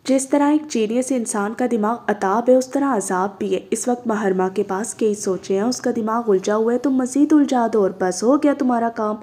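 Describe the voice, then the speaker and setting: A sly, scheming middle-aged mother giving crafty advice in a storybook reading, voiced by a woman narrator. The voice is fairly high and mellow. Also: normal speed, hardly any pauses, natural voice. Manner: sly, knowing.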